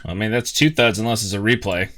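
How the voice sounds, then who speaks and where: A man with a lowish voice gives casual reaction commentary. He sounds skeptical and keeps turning to his viewers to ask what they hear. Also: quick pace, heavy background noise. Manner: skeptical, talks straight to viewers. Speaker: reaction video host.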